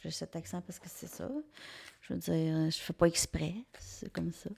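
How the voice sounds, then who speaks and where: A woman's voice: deep voice, completely flat delivery, normal speed, creaky, darkish tone, husky. A woman with a Québécois French accent doing a tarot card reading for viewers, hesitant, with many fillers and restarts. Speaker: tarot reader.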